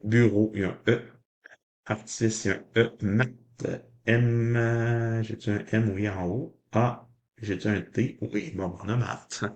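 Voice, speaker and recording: A man's voice: fairly low pitch, fairly even intonation, a little slow. A man with a Québécois French accent, chatting casually to viewers as he scratches lottery tickets and reads out the symbols and letters. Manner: chatty, addresses viewers as ladies and gentlemen, mild mock drama. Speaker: lottery scratch-card vlogger.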